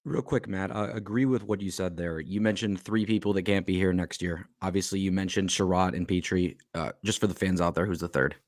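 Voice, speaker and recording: A man's voice: low voice, fairly quick, few pauses, no echo. A man co-hosting a sports podcast, talking bluntly and with exasperation, with some swearing. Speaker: podcast co-host. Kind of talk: heated sports podcast talk.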